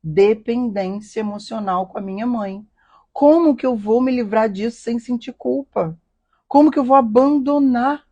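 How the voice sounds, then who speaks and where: A woman's voice: on the high side, darkish tone. Earnest, emotional Rio woman host. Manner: emotional, earnest, rhetorical questions. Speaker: host of a live stream. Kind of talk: confessional personal talk.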